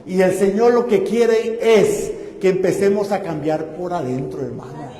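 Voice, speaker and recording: Male pastor, high voice, fervent sermon, long church reverb. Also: lively intonation, moderate pace. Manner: fervent preaching, building to loud exclamations. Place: church sanctuary. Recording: echoey church hall.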